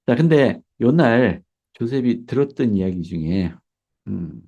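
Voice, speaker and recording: A man giving a casual spoken lesson on church history. His sibilants slur slightly because of braces, he fills pauses with short yeses, and he chuckles often. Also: medium pitch, sing-song, warm tone, muffled recording.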